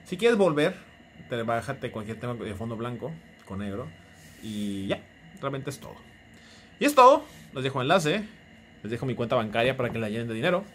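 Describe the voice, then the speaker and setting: A man's voice: mid-range voice, animated, brisk, a little hiss or hum. A young man with a Mexican accent chatting through a casual phone tutorial, joking and teasing the viewer as he goes. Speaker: tech YouTuber.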